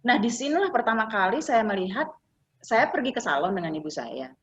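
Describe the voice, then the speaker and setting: Female interview guest in her forties, animated storyteller, lo-fi call audio. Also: a little high, a little fast. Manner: animated storytelling, acting out quoted voices. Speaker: guest sharing caregiving experience. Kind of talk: conversational interview. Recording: slightly dull, lo-fi call audio.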